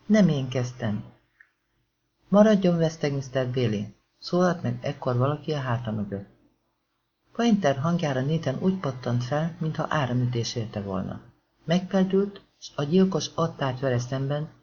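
A man narrating an audiobook in a steady, measured reading. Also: mid-range voice. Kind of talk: scripted narration. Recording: slightly dull lo-fi recording with faint hiss.

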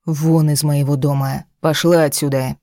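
A cruel husband from an audiobook snaps his threats harshly, read by a woman. His voice is low and dark. The recording is dry and close. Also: level tone, a little slow, no echo. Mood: harsh anger. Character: cruel angry husband, a grown man. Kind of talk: audiobook character reading.

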